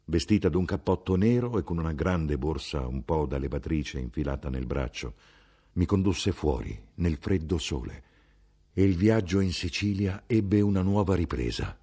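A man giving a measured, expressive literary reading of a novel. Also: deep voice, husky. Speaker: audiobook reader. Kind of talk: scripted literary narration.

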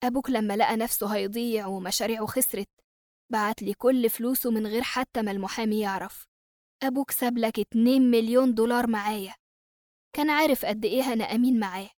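A woman voicing a calm old father with an Egyptian accent in an audiobook. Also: fairly high pitch, no room sound, studio quality, close to an everyday voice. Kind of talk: audiobook character reading.

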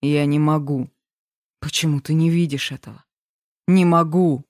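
A woman's voice: low voice, fairly even intonation, normal speed, a little mellow, no echo, studio quality, close to an everyday voice. A woman reading an audiobook, voicing a brooding, tormented adult male lover who growls and barely holds back his rage. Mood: desperate.

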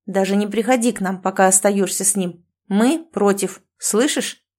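A woman's voice: medium pitch, moderate pace, darkish tone, close to an everyday voice. A woman voicing a domineering, self-certain female friend who lectures and commands in a sarcastic tone, in an audiobook. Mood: angry. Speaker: language teacher.

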